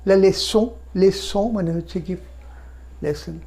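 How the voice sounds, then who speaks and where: A man with a Bengali accent teaches a language lesson in a mellow, warm-toned voice. He explains patiently, repeating example sentences and slowing down to model them. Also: high voice, steady tone, vocal fry.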